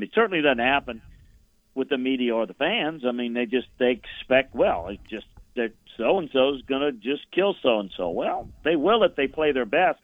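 A man's voice: medium pitch, dry recording. A man giving football analysis as a guest in a sports radio interview. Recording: tinny phone-line sound.

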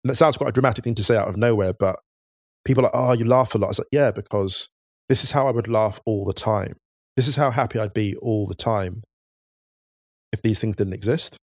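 A man's voice: fairly low pitch, a little fast, breathy edge, no room sound, studio quality. A man co-hosting a football podcast, talking earnestly and reflectively in casual chat. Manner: earnest and reflective, breaking into big laughs. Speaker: podcast co-host.

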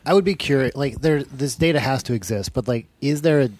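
A man's voice: medium pitch, fairly quick, darkish tone, no echo. A man co-hosting a podcast, rambling casually and thinking aloud with many fillers. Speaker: podcast co-host.

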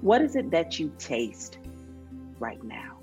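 A woman podcast host gently and calmly leading a guided grounding exercise. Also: low voice, slow pace, soft background music.

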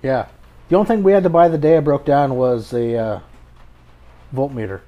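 A man's voice: mid-range voice, lively intonation, normal speed, dull audio. An American man hosting a podcast in a casual chat, with an easygoing, folksy good ol' boy way of talking. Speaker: podcast host.

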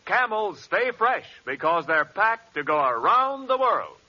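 A man announcing a 1940s radio comedy show in a crisp, formal, booming manner. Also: sing-song, measured pace, heavy background noise. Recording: muffled 1940s radio broadcast with orchestra.

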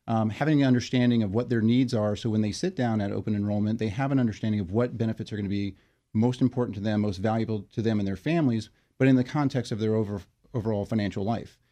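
A man being interviewed as a guest, explaining his work in a measured way with frequent fillers and restarts. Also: lowish voice, mellow, muffled recording. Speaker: interview guest, financial wellness company leader. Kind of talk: conversational interview.

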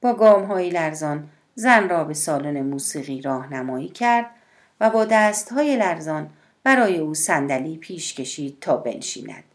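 Woman audiobook narrator, measured storytelling, lowish voice, gravelly edge. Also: expressive.

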